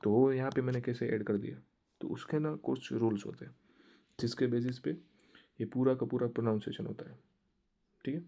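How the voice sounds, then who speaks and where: A man giving a casual online German lesson, explaining slowly and repetitively while mixing Hindi and English. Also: mid-range voice, fairly even intonation, creaky, dark tone. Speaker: German language teacher.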